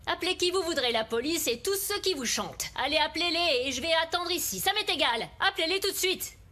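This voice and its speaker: A woman's voice: very high-pitched, lively intonation, quick pace, pushed and bright, heavily acted. An actress dubbing a fierce, defiant middle-aged mother in a TV soap, intense and insistent, with a theatrical delivery. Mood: scornful. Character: fierce, defiant mother confronting her enemies. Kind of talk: dubbed TV soap drama acting. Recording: dramatic music under studio dub.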